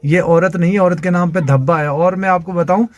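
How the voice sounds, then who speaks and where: A man's voice: high-pitched, steady tone, moderate pace, darkish tone. A man giving indignant, repetitive commentary over videos.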